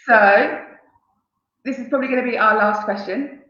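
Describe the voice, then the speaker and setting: A woman hosting a playful quick-fire interview, laughing often and keeping an upbeat manner. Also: on the high side, bright, forceful tone, roomy sound, lo-fi sound. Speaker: interview host.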